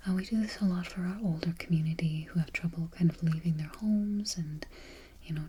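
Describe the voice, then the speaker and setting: A woman in a whispered role-play as a friendly, patient librarian, speaking in a breathy library whisper with gentle, reassuring murmurs. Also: lowish voice. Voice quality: whispered, breathy, soft-spoken. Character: friendly, patient small-town female librarian registering a patron. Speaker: ASMR performer. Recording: noisy close recording, keyboard clicking.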